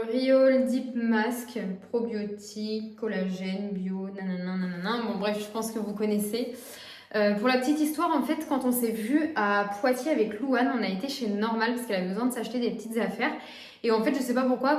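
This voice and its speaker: Chatty young woman vlogging, roomy sound. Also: on the high side. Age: 20s. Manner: chatty, frequent "euh" fillers. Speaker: beauty vlogger. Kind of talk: casual vlog chat.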